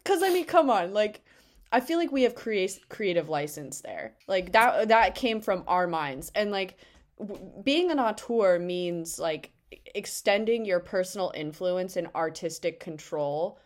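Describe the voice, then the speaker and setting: Woman cohost rambling on, says like a lot, jokey and self-mocking, lowish voice. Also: expressive, unhurried. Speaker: podcast co-host. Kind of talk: casual comedic chat.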